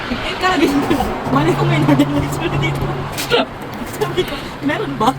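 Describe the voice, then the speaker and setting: A woman's voice: sits high, fairly quick, over a noisy crowd. A woman from the Philippines vlogging casually, teasing and laughing often. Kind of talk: casual travel vlog chat. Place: in and around a car outdoors. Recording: loud road and car noise.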